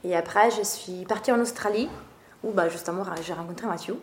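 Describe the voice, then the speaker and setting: In this casual interview, the guest is a young café co-owner from northeast Italy who speaks briskly in a mid-range voice. She's hesitant, leans on plenty of fillers, and laughs a lot. There's a roomy sound and a little faint noise in the recording.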